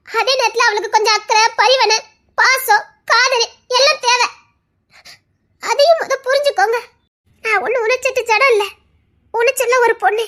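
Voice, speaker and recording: Audio drama: woman playing a squeaky, piercing young wife, hurt and pleading. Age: young adult. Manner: tearful, pleading, rising to shouts.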